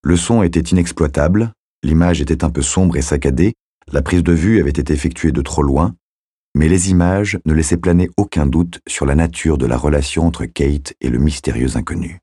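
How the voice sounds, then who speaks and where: A man narrating an audiobook in a measured, steady storytelling manner on a close studio mic. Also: very deep voice, breathy edge, no echo. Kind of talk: scripted narration.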